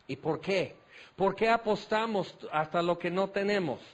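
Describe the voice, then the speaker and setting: A man's voice: sits high, unhurried. A man preaching a sermon, folksy and self-deprecating, hammering home points with repeated questions. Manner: rhetorical, repetitive questioning.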